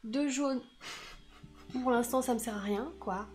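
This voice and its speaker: A woman's voice: on the high side, unhurried. A woman with a Franc-comtois accent streaming a board game, laughing often and thinking her moves through aloud. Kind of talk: live board game play with banter.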